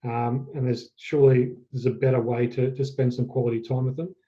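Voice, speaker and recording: A man in his forties from Queensland with an Australian accent, telling his story as a podcast guest in a halting, self-correcting way. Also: mid-range voice, level tone, dark tone. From Australia, central Queensland. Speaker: guest, fitness business owner. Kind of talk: casual interview storytelling. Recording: dull lo-fi podcast audio.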